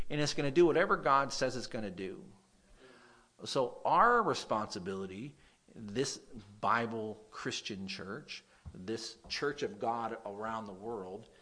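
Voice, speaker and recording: Delivering a sermon, this pastor reads scripture in a nasal, mid-range voice, alternating forceful emphasis with quiet asides and occasionally stuttering.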